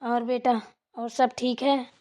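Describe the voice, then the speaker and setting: A woman's voice: fairly high pitch, flat delivery, slow pace, warm tone. A woman voicing a middle-aged village mother-in-law who drawls and grumbles in a cartoon. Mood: friendly. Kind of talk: cartoon voice acting.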